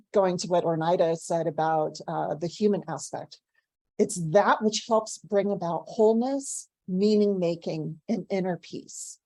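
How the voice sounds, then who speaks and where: A woman's voice: fairly low pitch, no room sound. A young woman PhD student giving an earnest academic conference talk. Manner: warm, earnest, guides the listener through a breathing exercise. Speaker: PhD student presenting research.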